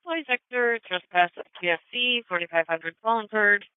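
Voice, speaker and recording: A man's voice: high-pitched, normal speed, crowd noise. A male police dispatcher giving clipped, formal calls over a police radio transmission. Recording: tinny, narrow radio band.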